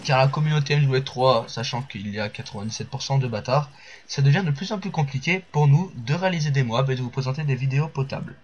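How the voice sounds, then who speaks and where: A man's voice: medium pitch, quick pace, slightly rough, lo-fi sound. A man from France giving rambling, casual commentary over gameplay footage, full of fillers and restarts.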